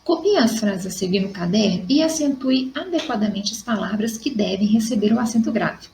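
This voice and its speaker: A woman's voice: mid-range voice, animated, a little fast, gravelly, mellow, a little hiss or hum, poor audio. A Brazilian woman teacher with a Brazilian Portuguese accent, patiently correcting exercises step by step in a recorded class lesson. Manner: patient, explains step by step, checks in with ok.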